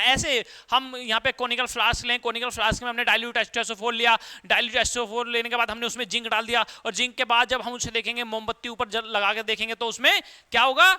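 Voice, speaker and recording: Bright, high-voiced male chemistry teacher. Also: clear, resonant tone. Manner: asks students questions and repeats the answer; calls the listener "beta" as a teacher does. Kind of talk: classroom lesson explaining lab activities.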